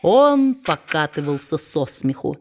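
A woman narrating an audiobook of a classic novel with steady storytelling. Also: low voice, unhurried. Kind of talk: scripted narration.

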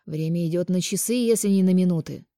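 A woman voicing a calm, persistent male doctor in an audiobook, measured and sorrowful. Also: fairly low pitch, dry recording, studio quality, lightly acted. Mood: grave. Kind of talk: audiobook character reading.

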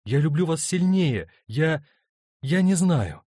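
A man's voice: fairly high pitch, lively intonation, slow, warm tone, slightly rough, dry recording, clean studio sound, voice pushed up, exaggerated voice. A man voicing a young married woman torn between two loves, speaking in an emotional, hesitant, pleading way. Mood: torn, tender.

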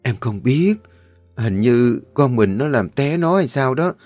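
A worried, guilt-ridden middle-aged mother speaks in a hushed, lowered voice, as a male narrator puts her on. It stays soft and confessional, close and dry, with faint music behind the storytelling. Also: animated, a little slow, no room sound, close to an everyday voice.

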